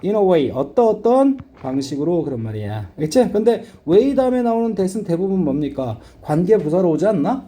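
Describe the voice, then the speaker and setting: A man's voice: high voice, sing-song, dark tone. A middle-aged man teaching an English reading lesson, blunt and casual, constantly asking his students whether they understand. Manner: checks understanding constantly with quick questions. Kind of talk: classroom lecture.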